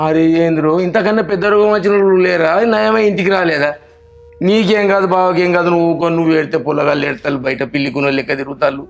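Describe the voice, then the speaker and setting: A man's voice: a little high, fast talker, close to an everyday voice. An actor playing an anxious village brother who consoles his sister in a pleading way, with a Telangana accent. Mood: consoling. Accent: Telangana Telugu.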